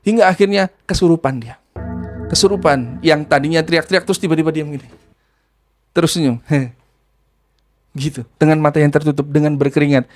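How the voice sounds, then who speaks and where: A man practising ruqyah, retelling a healing session in a casual, animated way and acting out the scene. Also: fairly high pitch, quick pace, soft background music. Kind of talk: casual spoken storytelling.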